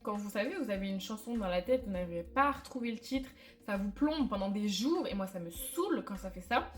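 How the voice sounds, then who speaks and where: A woman's voice: medium pitch, lively intonation, brisk. A young woman vlogging in a casual, candid way, chatty and self-mocking, with lots of fillers. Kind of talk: casual chat to camera. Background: faint background music.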